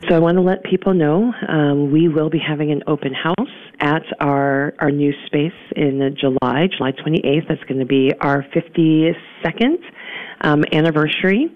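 A guest from a community survivor services center answering radio interview questions earnestly, with many "um" pauses and restarts, heard over a phone line. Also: medium pitch, no room sound. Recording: tinny phone line, dry.

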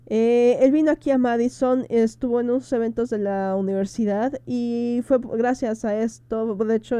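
A woman co-hosting a radio show, chatting in a relaxed way and introducing segments. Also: medium pitch, clean tone, no room sound. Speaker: radio co-host. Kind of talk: conversational radio talk.

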